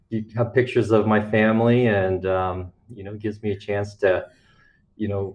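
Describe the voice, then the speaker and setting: A man from California, a guest on a video call from his office, speaking in a measured way with many pauses. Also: on the low side, dull audio. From Fresno, California. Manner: measured, many ums and you knows. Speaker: interview guest, hospital president. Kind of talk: casual interview.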